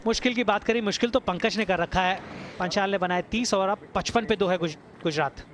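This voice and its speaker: Indian guy explaining the cricket live, high voice, outdoor noise clearly behind. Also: brisk, fairly bright tone. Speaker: cricket commentator. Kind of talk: live sports commentary. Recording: noisy outdoor ground behind commentary.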